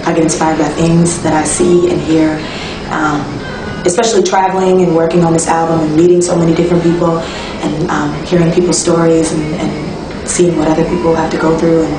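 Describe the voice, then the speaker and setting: Low-voiced woman in an echoey room. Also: a little fast. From Toronto, Canada. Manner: relaxed, reflective, many ums and restarts. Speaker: singer-songwriter. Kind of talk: casual interview talk. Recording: echoey room, distant mic, music behind.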